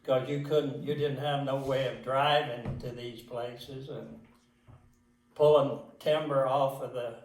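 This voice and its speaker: Slow, echoey older Appalachian man reminiscing. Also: mid-range voice, fairly even intonation. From southwest Virginia mountains. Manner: halting, plain-spoken, folksy. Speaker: interviewee. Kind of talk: casual oral history reminiscence. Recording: echoey room, distant microphone.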